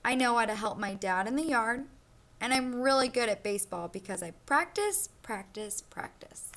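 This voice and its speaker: Here a woman reads as a sloppy, cheerful young boy from a storybook, narrating his own adventure at a moderate pace. The fairly high voice is expressive and full of childlike boasting, with a boastful mood and slight background noise.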